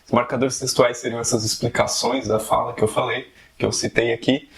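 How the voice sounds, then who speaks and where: A man's voice: medium pitch, level tone, fairly quick, vocal fry, fairly bright tone. A man giving a casual, conversational video lesson on fiction writing, often tagging questions onto his sentences. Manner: conversational, frequent tag questions. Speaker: writing teacher.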